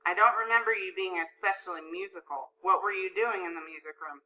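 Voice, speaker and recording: A woman's voice: lowish voice, brisk, muffled recording, a little hiss or hum, natural voice. A woman doing a snappish irritable headmaster. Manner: snappish, sarcastic. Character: stern irritable middle-aged male headmaster.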